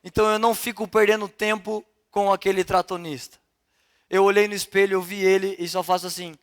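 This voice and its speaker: Young Brazilian man, high voice, conversational preacher who acts out scenes in his sermon. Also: brisk. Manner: animated and conversational, acting out dialogue. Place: church service.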